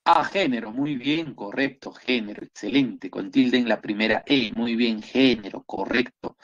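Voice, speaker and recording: Encouraging Peruvian biology teacher, dull lo-fi audio. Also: male voice, medium pitch, measured pace. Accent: Peruvian Spanish. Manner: encouraging, repeats praise often. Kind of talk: online class, reviewing exam questions.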